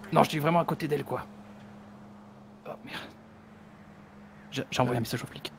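A man's voice: on the high side, fairly even intonation, moderate pace, vocal fry. A man voicing a tipsy, guilty driver in an online role-play game, stammering, flustered and swearing. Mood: panicked, guilty. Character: panicky tipsy male driver, guilty and apologetic.

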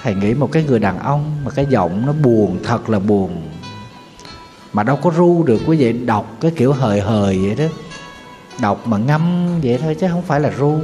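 A Buddhist monk with a Southern Vietnamese accent, giving a sorrowful storytelling sermon and now and then chanting folk verses. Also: male voice, mid-range voice, lively intonation, normal speed, dark tone. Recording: long hall reverb with faint music.

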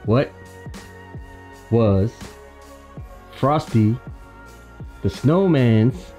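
A woman's voice: very deep voice, animated, drawn-out words, loud music behind the voice. A woman reading out trivia questions as quizmaster, matter-of-fact and lightly teasing.

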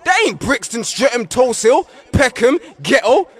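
A man's voice: very high-pitched, very animated, unhurried, breathy edge. A man with a South London accent, trash-talking rivals in a profane, mocking diss skit. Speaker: rapper.

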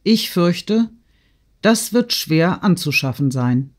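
A man's voice: high voice, lively intonation, slow pace. A man reading an audiobook, voicing a cheerful old count and father with a jovial manner.

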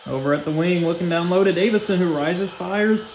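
A man's voice: sits high, a little fast, darkish tone, roomy sound, rough recording. A young man giving casual play-by-play commentary over a basketball video game simulation in short clipped phrases.

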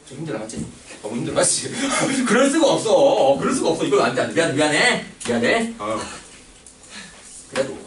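A man teaching a math class in a loose, joking way, using coarse slang and constantly asking whether students agree. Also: a little high. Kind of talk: casual classroom lecture with teasing. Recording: echoey classroom recorded from far off with noise.

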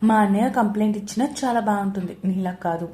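A woman voicing Akshara, a lively young wife who fires off cheeky, indignant exclamations. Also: mid-range voice, fast talker, natural voice.

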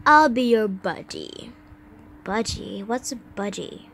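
A woman's voice: medium pitch, animated, slow, a bit bright, slight background noise. A woman voicing a snooty, mocking schoolgirl bully in a toy role-play. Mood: bossy. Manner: mocking, dismissive.

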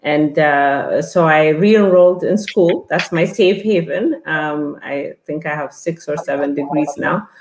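A woman's voice: deep voice, unhurried, few pauses, echoey room, a crowd in the background. A middle-aged woman from Ethiopia, a guest on an online interview, talking with many fillers and restarts over an earbud headset. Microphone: earbud headset on a video call.

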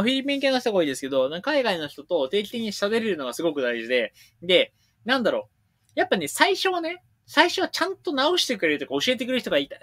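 Male stream host, fast-talking, blunt and jokey, bouncy pitch, dry close mic. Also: dry recording. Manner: rapid-fire, animated, blunt and joking. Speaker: livestream host answering viewer questions. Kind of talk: casual livestream Q&A, reading and answering chat questions.

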